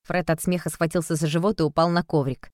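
A woman narrating a children's storybook in an even, clear reading voice. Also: sits low, quick pace, no room sound, studio quality.

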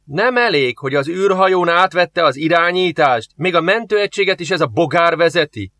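A man's voice: fairly high pitch, fairly bright tone, dry recording, voice pushed up, natural voice. Man doing a grumbling sergeant. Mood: angry grumble. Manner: grumbling, sulky. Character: grumbling male soldier sergeant.

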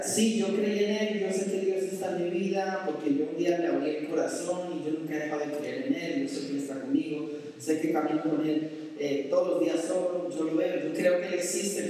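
Spanish lady pastor preaching, warm mellow tone, sounds far off in a big echoey church. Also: deep voice. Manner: storytelling, acts out pleading prayers. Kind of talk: sermon.

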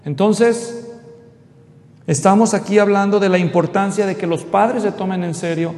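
In an echoey church hall with a faint rumble, a middle-aged pastor preaches an expository sermon at normal speed. His voice is a little mellow as he tells family stories and speaks directly to his congregation.

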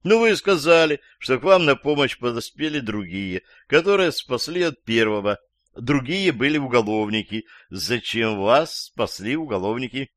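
A patient male prosecutor, read by a male audiobook narrator asks his questions in a measured, slightly raised tone. He sounds puzzled. The recording is dry and close. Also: medium pitch, lively intonation, a bit bright, dry recording, voice pushed up, lightly acted. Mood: questioning. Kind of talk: audiobook character voice.

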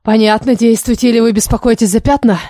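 A hot-tempered young king snaps orders at his guards in a loud, commanding voice, as a woman reads him in a storybook recording. The voice sits a little high and is recorded dry and close. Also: flat delivery, fast talker, dry recording, natural voice.

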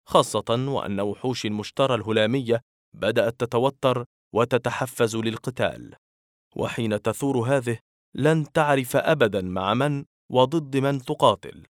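Man, storyteller, scripted narration, mid-pitched voice, dry close sound. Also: no echo.

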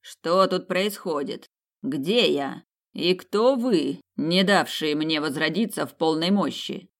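An audiobook reader voicing an ancient male fire-bird lord, freshly reborn, speaking slowly and ponderously. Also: mid-range voice, animated. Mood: bewildered. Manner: slow, drawn-out, ponderous.

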